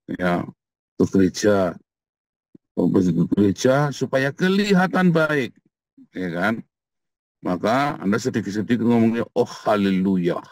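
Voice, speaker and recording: A male pastor, giving a casual sermon in blunt, colloquial speech, hammering points through repetition and swinging from quiet asides to loud outbursts. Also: medium pitch, no room sound.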